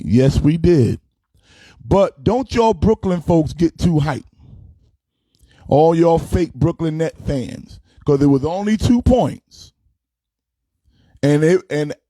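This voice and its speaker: A man in his forties, a pastor, riffs through a casual sports show in a warm, mellow voice pitched a little high. He talks straight at fans and players, animated and full of trash talk. The sound is close and dry. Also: dry recording. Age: 40s. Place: his home sports studio.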